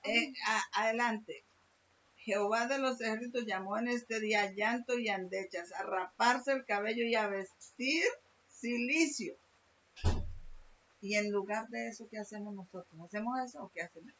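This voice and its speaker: A woman leading a small home Bible study, reading scripture slowly and questioning the group with rising emphasis. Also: fairly high pitch, a bit bright. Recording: dull lo-fi recording with faint hiss.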